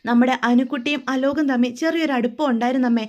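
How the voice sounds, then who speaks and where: A woman's voice: sits high, steady tone, quick pace, a little mellow, highs cut off, lightly acted. A woman voicing a grieving middle-aged mother who pours out her family's loss. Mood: earnest. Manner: sobbing, broken lament.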